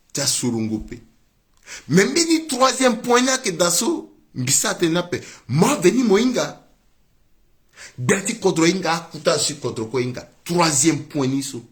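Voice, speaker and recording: A man giving a political commentary monologue, mixing French and Sango, with exclamatory outbursts that swing down to low muttering.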